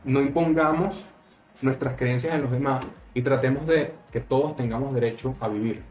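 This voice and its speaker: A man's voice: medium pitch, steady tone, normal speed. A man hosting a casual podcast, talking bluntly and emphatically and swearing freely. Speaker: podcast host. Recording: roomy, slightly dull, faint music.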